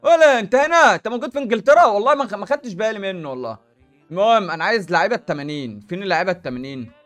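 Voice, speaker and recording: A young man with an Egyptian Arabic accent rattles off gameplay commentary at a rapid clip, high-pitched and hyped. He talks in animated, slang-heavy bursts, with faint music running beneath him. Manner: animated, rapid, hype-filled street slang. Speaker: gaming YouTuber.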